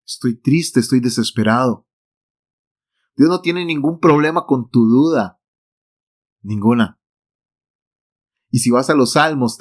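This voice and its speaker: A man's voice: mid-range voice, a little mellow. A man giving a devotional talk to the listener, emphatic and repeating his key phrases. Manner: speaks directly to the listener.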